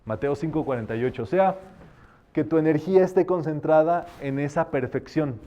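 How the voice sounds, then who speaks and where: A man's voice: on the high side, a little fast, warm tone, dull audio. A man teaching a live metaphysics class, explaining patiently and sometimes demonstrating by chanting affirmations.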